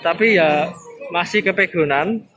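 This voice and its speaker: A man's voice: sits high, a little slow. A man with a Javanese-region Indonesian accent giving casual on-site commentary as a livestock market vlogger, addressing viewers familiarly. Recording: loud crowd and music behind. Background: crowd noise and music.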